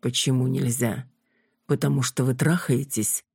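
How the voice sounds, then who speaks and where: A reader voicing a cold, mocking female vampire queen, speaking slowly and deliberately in a husky voice. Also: mid-range voice, steady tone, darkish tone, no echo, clean studio sound. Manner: slow, deliberate, commanding. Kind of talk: audiobook character voice.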